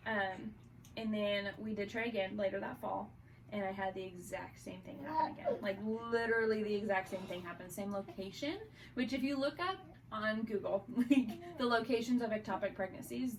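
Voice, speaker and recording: A young woman speaking candidly as a podcast guest, telling a personal story in a halting, casual way. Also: medium pitch. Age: young adult. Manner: candid, halting, with many likes and restarts. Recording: distant mic with clear background noise.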